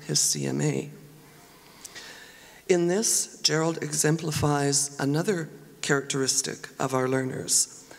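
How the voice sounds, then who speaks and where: A ceremony host giving a formal, measured podium speech to introduce a speaker. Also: medium pitch, gravelly. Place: large hall at a graduation ceremony. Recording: echoey hall with long reverb.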